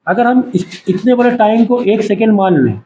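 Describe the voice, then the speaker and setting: High-voiced male teacher quizzing a class. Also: animated, moderate pace, warm tone, muffled recording, slight background noise. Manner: quizzes students with repeated call-and-response questions. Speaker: science teacher. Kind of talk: classroom lecture. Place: classroom with students.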